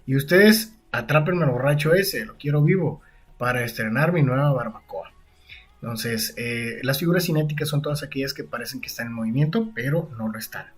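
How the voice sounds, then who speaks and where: A man teaching a lesson on comics, talking straight to the listener and often checking in with short tag questions. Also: medium pitch. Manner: addresses the listener directly, frequent tag questions.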